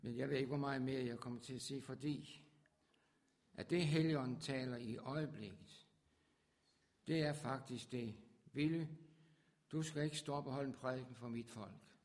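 Fervent Danish preacher, hushed to shouting. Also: male voice, mid-range voice, pauses often. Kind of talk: charismatic sermon.

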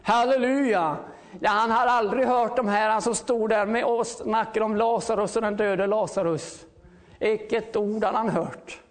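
A man's voice: high voice, fairly even intonation. A man preaching a fervent revival sermon, often crying out hallelujah and building to urgent calls.

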